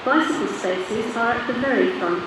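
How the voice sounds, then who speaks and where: A woman's voice giving calm, formal pre-recorded announcements over a train station loudspeaker. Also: on the high side, normal speed. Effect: train station public address announcement. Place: railway station platform. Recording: echoey platform loudspeaker from far off, loud train noise.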